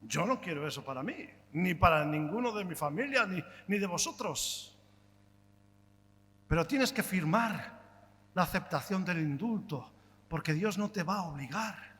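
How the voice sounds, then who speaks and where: A man delivers a fervent sermon in a high, bright voice. He presses his listeners with rhetorical questions and moves near-shouts to hushed lines. His voice rings with the long reverb of a large church hall. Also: animated, unhurried. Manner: impassioned, rhetorical questions, swings between loud and hushed. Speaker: preacher.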